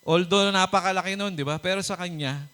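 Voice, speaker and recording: A pastor giving a conversational sermon, mixing Tagalog and English, chuckling often and checking in with the congregation with "di ba?" and "Amen?". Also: male voice, high-pitched, fairly quick, bright, forceful tone, clean tone. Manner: chuckles often while preaching; hesitant, with many fillers and restarts.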